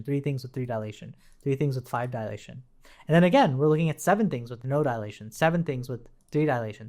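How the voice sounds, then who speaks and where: A programming instructor with a somewhat high, slightly mellow voice gives an informal live-coding tutorial, thinking aloud as he works. The recording has noticeable noise, with keyboard clicks and typing audible throughout.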